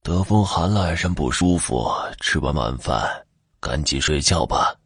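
A man voicing a sly hairy monster that poses as an old grandmother, speaking in a hushed, coaxing way. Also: very deep voice, expressive, unhurried, husky, no echo, clean studio sound, full character voice.

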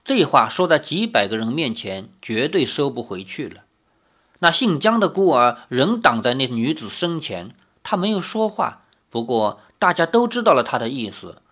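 Expressive storyteller reading a novel. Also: mid-range voice, normal speed. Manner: expressive, adds casual asides.

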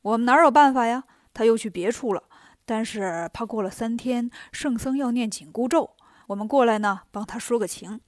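An easygoing old male longevity god, played by a woman narrator in a children's storybook. He talks in a calm, reassuring way. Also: on the high side, moderate pace, dry recording, clean studio sound, close to an everyday voice.

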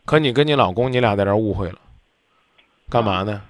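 A man's voice: fairly low pitch, expressive, quick pace, no room sound. A man hosting a radio call-in advice show, blunt and lecturing as he scolds the caller. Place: radio studio.

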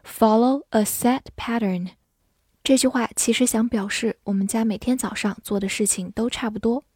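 A woman teaching English vocabulary, spelling words slowly letter by letter in a clear, scripted lesson. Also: on the high side, darkish tone, no echo, studio quality.

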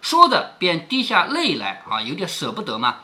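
Male host, high and lively, bright tone, storyteller explaining a classic novel line by line. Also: moderate pace. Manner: explains lines in plain words, asks rhetorical questions. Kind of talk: storytelling with commentary.

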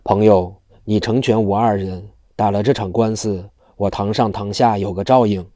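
A man voicing worried male county constables in a storybook reading, sighing over their case, with a low, dark voice. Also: fairly even intonation, moderate pace, dry recording, clean studio sound, natural voice.

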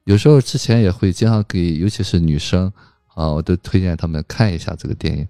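A man's voice: low-pitched, fairly quick, dark tone, smooth, no echo, studio quality. A man, a psychological counselor, explaining patiently as a guest in a casual film discussion, with frequent fillers.

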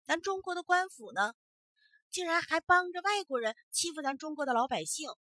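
A woman telling a children's story as a storyteller, in an expressive, emphatic way. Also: high voice, normal speed, no room sound.

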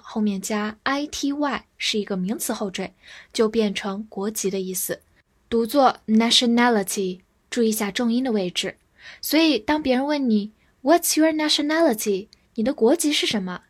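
Young female teacher whose first language is Chinese; higher voice, unhurried, spells out each word and models the example sentences slowly. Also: breathy edge. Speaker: English vocabulary teacher. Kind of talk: vocabulary lesson, spelling and slow model reading.

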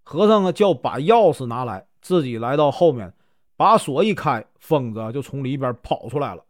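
A man from Northeast China telling a folk tale as a casual storyteller, lively and animated. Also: medium pitch, moderate pace, no echo, clean studio sound.

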